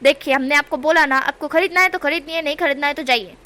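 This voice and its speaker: A woman voicing a stubborn male vegetable seller who firmly refuses to lower his price. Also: moderate pace, pushed and bright. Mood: firm, exasperated.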